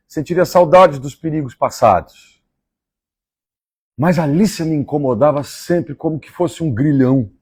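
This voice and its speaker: A man from Minas Gerais with a Mineiro Brazilian accent, reading a novel aloud on a live stream and pausing for chatty asides. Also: on the high side, darkish tone, husky, no echo, clean studio sound. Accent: Mineiro Brazilian Portuguese. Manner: measured, repeats favorite lines and chats between passages.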